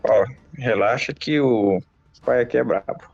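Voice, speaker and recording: In an unhurried medium-pitched voice with vocal fry, a Brazilian man speaks Brazilian-Portuguese-accented slang while streaming a mobile game. The chat is relaxed with frequent restarts, recorded through a dull lo-fi mic alongside game music.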